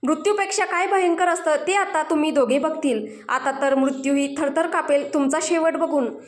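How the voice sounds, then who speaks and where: A woman reading the lines of an enraged, grieving young man who swears vengeance, in a shouting, accusing manner. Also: high-pitched, normal speed, close to an everyday voice. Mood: vengeful rage. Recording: roomy echo.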